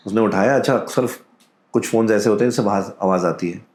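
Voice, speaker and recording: A man with a low voice and an Indian accent tells a true ghost story as a podcast guest. He speaks calmly and deliberately, mixing Hindi and English. His voice rings in a roomy echo. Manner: calm, deliberate, drops into quoted voices.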